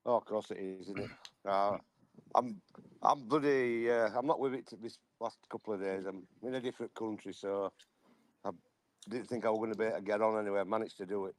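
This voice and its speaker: A man giving blunt, halting football opinions over a remote call on a fan podcast. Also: lowish voice, fairly even intonation, dry recording. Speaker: podcast regular. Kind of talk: casual football chat.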